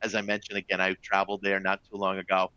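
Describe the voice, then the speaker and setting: A middle-aged man from the Boston area, with a Boston accent, hosts a live webinar for travel agents, upbeat and chatty, often checking in with "all right?" and "folks." His low voice is monotone, fast, sharp-toned and smooth, recorded with no room sound and the high frequencies cut off.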